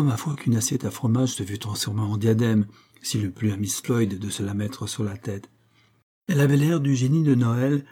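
Dark-voiced male audiobook narrator. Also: mid-range voice, slightly rough. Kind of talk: scripted literary narration.

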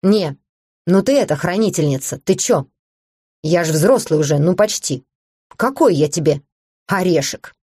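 A woman voicing a small, rude, raspy young male dragon who talks in cheeky slang in a storybook reading. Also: lowish voice, animated, moderate pace, pauses often, a little mellow, no room sound, clean studio sound. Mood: cocky.

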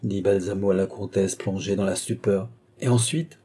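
A man narrating a classic novel as an audiobook in a measured, even way. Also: low voice, breathy edge.

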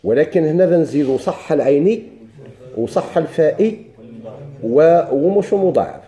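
A man's voice: a little high, lively intonation, normal speed, mellow. A man with a Moroccan Arabic accent teaching a grammar lesson to a class, quizzing students and repeating his questions.

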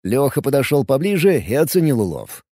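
A male audiobook narrator telling a first-person story with a lively, swinging delivery. His voice is mellow and darkish, and the sound is dry and close to the mic. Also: mid-range voice, fairly quick, dry recording.

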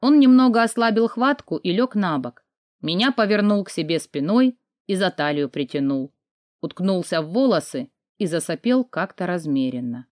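A woman narrating a first-person romance audiobook in an expressive, intimate way. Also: on the low side, normal speed, no echo, clean studio sound.

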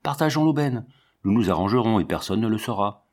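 A man's voice: on the low side, lively intonation, brisk, darkish tone. A man reading the part of a sly, drawling young male clerk in a storybook. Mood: wheedling.

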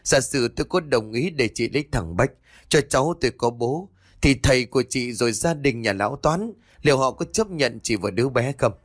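A man's voice: mid-range voice, lively intonation, moderate pace, no room sound, studio quality, close to an everyday voice. A man voicing a stern, furious old village mother who scolds harshly through gritted teeth.

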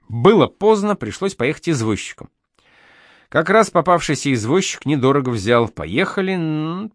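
A man reading aloud a young woman's letter to her husband, with lively, expressive intonation. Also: medium pitch, no room sound, clean studio sound.

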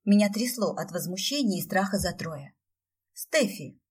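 A woman's voice: medium pitch, lively intonation, a little fast, a little mellow, breathy edge. A woman reading a first-person fantasy audiobook expressively, heard from a slightly distant mic. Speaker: audiobook narrator.

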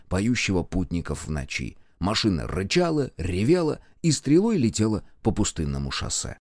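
Male audiobook narrator, deep, lively intonation, dry close mic. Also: no echo. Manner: expressive storytelling. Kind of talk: scripted narration.

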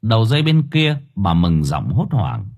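A man narrating an audiobook story in a dramatic, expressive way. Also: on the low side, normal speed. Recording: faint music underneath.

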